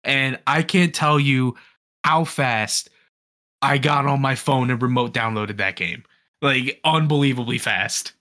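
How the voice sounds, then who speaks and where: A young man co-hosting a casual gaming podcast, talking excitedly and rambling with frequent restarts. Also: medium pitch, unhurried. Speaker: podcast co-host. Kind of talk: casual gaming news chat.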